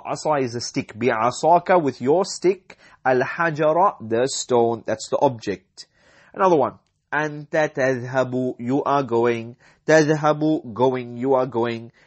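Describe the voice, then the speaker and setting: Slow, careful male Arabic teacher. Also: mid-range voice. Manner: reads Arabic sentences, then translates them into English and explains the grammar; slow, careful delivery that repeats each word. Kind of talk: language lesson.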